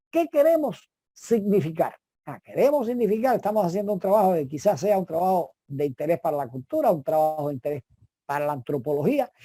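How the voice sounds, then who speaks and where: A woman's voice: mid-range voice, dark tone, husky, no room sound. Woman lecturing online, dry close sound, keeps restarting her sentences. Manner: explanatory, with many restarts and pauses.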